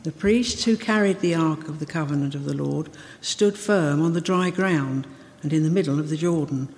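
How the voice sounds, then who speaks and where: A woman's voice: low voice, moderate pace. Woman reading scripture in church echo. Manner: steady reading with small slips. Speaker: scripture reader. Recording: long church reverb.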